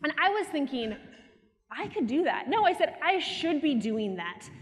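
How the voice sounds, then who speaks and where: A young woman giving an animated, teasing motivational keynote on a conference stage through a headset mic. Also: sits high, normal speed. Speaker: keynote speaker. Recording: hall reverb from a conference stage.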